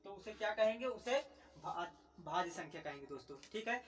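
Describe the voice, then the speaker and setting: A man teaching a maths lesson, asking questions and answering them himself, slowing down to dictate definitions. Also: high voice, lively intonation, recorded from a distance. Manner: repetitive, asks and answers his own questions; slow dictation while writing definitions.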